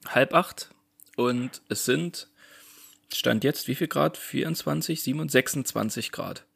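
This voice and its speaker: A man's voice: mid-range voice, measured pace, gravelly, fairly bright tone, husky. A man co-hosting a casual podcast from home, teasing his partner in a playful way. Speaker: podcast co-host. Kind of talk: casual chat. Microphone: home microphone.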